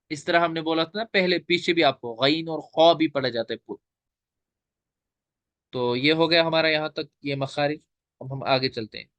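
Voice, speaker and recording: Man, tajweed teacher, online class, patient step-by-step explaining, slightly high voice, dry close sound. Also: a bit bright, dry recording.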